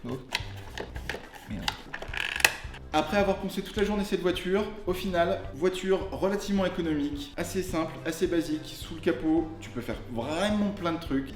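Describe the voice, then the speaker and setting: Man, casual car presenter, tongue-in-cheek, slightly high voice, echoey room. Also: fairly quick, hardly any pauses. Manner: jokey, colloquial, tongue-in-cheek. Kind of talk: casual car review to camera. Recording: roomy echo with music underneath. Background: music.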